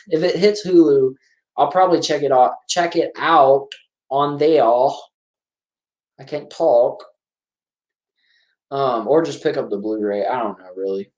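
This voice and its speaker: A man's voice: fairly high pitch, darkish tone. A man hosting a casual live-stream movie commentary, chatty and rambling, often correcting himself as he talks. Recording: roomy echo.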